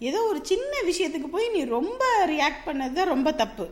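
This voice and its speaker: An actress playing a sister-in-law who scolds and explains at length in a reproachful tone. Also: female voice, high-pitched, very animated, fast talker, a little mellow. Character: sister-in-law, stern and lecturing.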